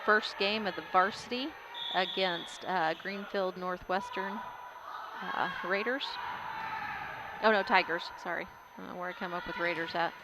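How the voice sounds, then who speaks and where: A woman giving casual play-by-play commentary on a volleyball game, getting louder on big plays. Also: fairly low pitch, steady tone, moderate pace. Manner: chatty, casual, rises loudly on big plays. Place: school gym during a game. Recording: loud crowd and gym noise.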